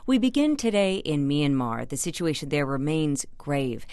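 American female radio newsreader, notably low pitch, dry studio sound, scripted delivery. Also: very animated, normal speed, a little mellow, dry recording. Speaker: radio news co-host. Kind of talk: scripted news narration. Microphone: close studio microphone.

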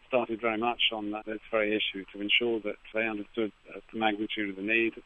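Man, halting interviewee, flat delivery, thin telephone sound. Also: fairly low pitch. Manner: hesitant, halting with repeated false starts. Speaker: aid agency representative, interviewee. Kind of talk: live news interview. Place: phone call to a radio studio. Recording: tinny phone line.

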